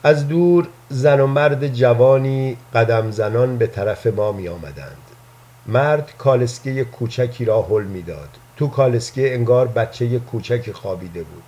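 Calm male storyteller. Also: medium pitch. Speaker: narrator. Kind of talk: first-person story narration.

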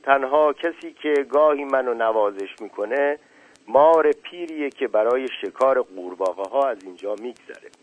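A man voicing a shy, lonely young female daisy flower in a storybook reading, speaking softly. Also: medium pitch, lively intonation, no room sound, close to an everyday voice, low-quality recording. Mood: shy, wistful. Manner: soft, timid then gently talkative.

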